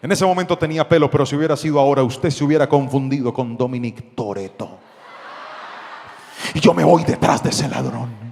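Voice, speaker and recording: A male pastor, telling a story in a sermon and shouting out the dramatic moments. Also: mid-range voice, a little fast, vocal fry. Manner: animated, shouting the action. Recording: long hall reverb, faint noise.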